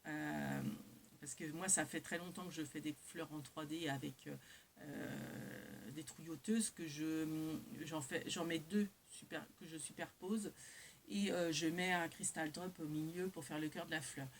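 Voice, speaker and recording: A craft vlogger chats casually with her viewers, showing off items in a haul video while rambling, hesitating and often correcting herself. Her voice sits low, with a steady tone and measured pace. The recording is clear, with background hiss.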